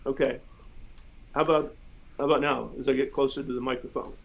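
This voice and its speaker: A middle-aged man, a guest chatting casually on an online show through a quiet, distant-sounding tablet microphone. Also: medium pitch, level tone, brisk, creaky, a little hiss or hum. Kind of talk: casual chat.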